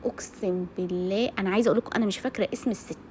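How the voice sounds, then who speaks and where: Direct, quick-fire Egyptian woman vlogging. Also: mid-range voice, fairly even intonation, a little mellow, slight background noise. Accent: Egyptian Arabic. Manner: rapid, outspoken, talks straight to female viewers. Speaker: cooking vlogger. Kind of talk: casual chat while cooking.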